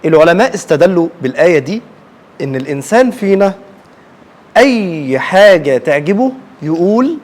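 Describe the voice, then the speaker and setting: A woman's voice: on the low side, sing-song, a little fast, darkish tone. A woman with an Egyptian accent teaching a class of children in call-and-response, asking questions and repeating their answers back.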